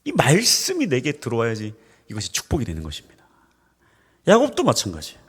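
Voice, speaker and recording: A man's voice: medium pitch, wildly swooping pitch, a little fast, breathy edge, long reverb tail. A man pastor from the Gyeongsang region preaching a sermon in a church, telling stories animatedly and acting out voices. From Gyeongsang region, Korea. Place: church sanctuary.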